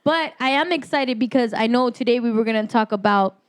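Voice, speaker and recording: A woman's voice: fairly high pitch, brisk, smooth, no echo, studio quality. A woman around forty hosting a casual podcast chat, telling stories with laughs and animation. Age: 40s. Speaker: podcast host.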